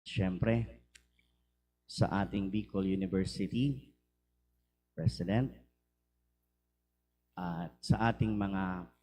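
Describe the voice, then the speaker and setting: Deep, mellow Filipino priest. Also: male voice. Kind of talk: liturgical gospel reading and homily. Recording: noisy recording with low hum.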